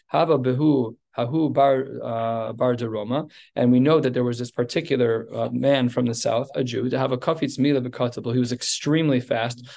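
A man's voice: mid-range voice, steady tone, a little fast, creaky, darkish tone. A man teaching a Talmud class, reading Aramaic phrases and explaining them in plain English with fillers and restarts.

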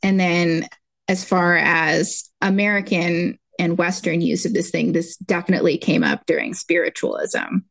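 Low-toned woman in casual podcast chat. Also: fairly even intonation, moderate pace, creaky, dry recording. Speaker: podcast co-host.

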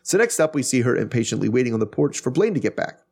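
Brief: man, mid-pitched, podcast host, wry and animated recap chat. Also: fast talker, gravelly, husky. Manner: animated, wry, with many restarts.

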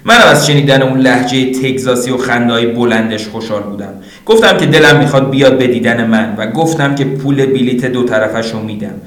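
Guy narrating a novel, plain steady reading, echoey room, mic kinda far. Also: mid-range voice, hardly any pauses. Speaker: audiobook narrator. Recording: roomy, distant mic.

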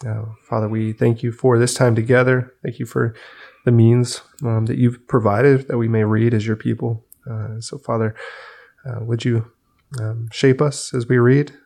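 A man leading a spoken prayer in an earnest, halting way, pausing often with fillers. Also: medium pitch, flat delivery, gravelly, a little mellow.

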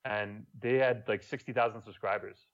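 On a casual podcast, a guest YouTuber from Montreal, Canada, spins laid-back stories, swearing every so often. He's a young man with a French Quebec accent whose low-ish voice holds a steady tone at a moderate pace. Dull audio.

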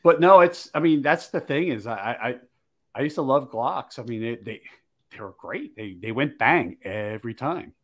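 Man telling a lively story on a podcast. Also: mid-range voice, normal speed. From Maryland. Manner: animated storyteller acting out quoted dialogue. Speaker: podcast host. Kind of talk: casual storytelling chat.

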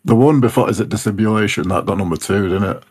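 Husky, low-voiced young man. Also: fast, darkish tone. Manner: laid-back, slangy banter. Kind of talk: casual chat about music.

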